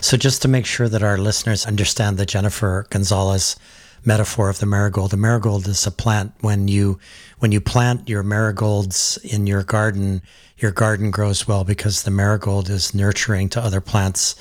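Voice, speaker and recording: A man with a fairly low voice hosts a podcast interview. He asks long, careful questions and explains things to his listeners in a measured, patient way. The recording is dry and close. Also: little pitch movement, dry recording. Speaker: podcast host. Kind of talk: interview hosting.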